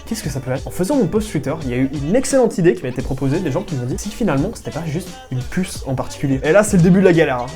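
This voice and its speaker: Man, tech vlogger, rapid chatty delivery, light music underneath. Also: on the high side. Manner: fast, chatty and excited, with slangy asides. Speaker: tech YouTuber. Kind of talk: casual investigative vlog narration.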